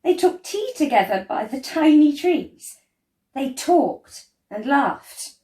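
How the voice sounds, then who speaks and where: A woman storyteller reads a picture book aloud in an unhurried, expressive way, using measured, deliberate delivery with dramatic emphasis and pauses. Her pitch is mid-range, and the indoor recording is roomy with a noticeable echo.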